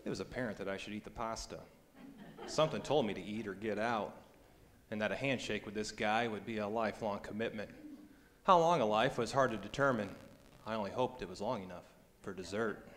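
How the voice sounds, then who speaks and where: A man playing a wry, wary private detective on stage, narrating in a deadpan hardboiled style. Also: lowish voice, brisk, close to an everyday voice. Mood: wry narration. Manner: deadpan, dry. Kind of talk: noir stage narration and dialogue. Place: hall stage before an audience. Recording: echoey hall stage recording, clearly noisy.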